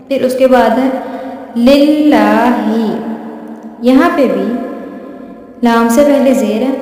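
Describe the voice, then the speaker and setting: A woman with a fairly high, mellow voice teaches patiently, going over each rule again and checking that listeners follow. She slows right down and stretches out words when she recites examples. The recording is very echoey, with a long reverb tail like a bare hall. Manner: patient, repeats points and checks with "okay". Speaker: tajweed teacher. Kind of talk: explanatory lesson.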